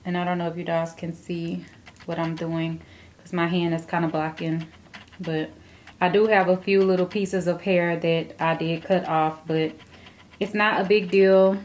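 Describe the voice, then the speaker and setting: A woman hair vlogger talking viewers through a wig tutorial in a chatty, relaxed way. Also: fairly low pitch, measured pace, a little hiss or hum. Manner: chatty, relaxed, addresses viewers as dolls and guys. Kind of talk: casual tutorial talk to camera. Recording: roomy echo.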